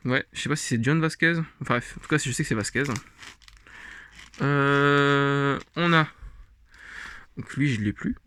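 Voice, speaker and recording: A man's voice: mid-range voice, bright, forceful tone, a little hiss or hum. A man casually showing off his comic book collection, rambling with many fillers and little chuckles. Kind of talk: casual show-and-tell vlog.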